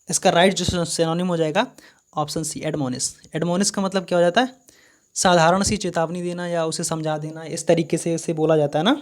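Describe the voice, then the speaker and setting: A man runs a live online vocabulary lesson. He often stops to spell a word out letter by letter. He keeps asking his students what each word means. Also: a little high. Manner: spells words letter by letter, repeats questions. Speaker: vocabulary teacher.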